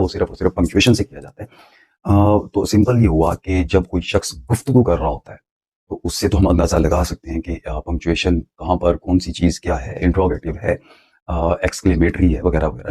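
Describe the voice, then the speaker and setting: A man's voice: deep voice, dark tone, husky. A man teaching English grammar in a patient, explanatory lecture, repeating points for emphasis.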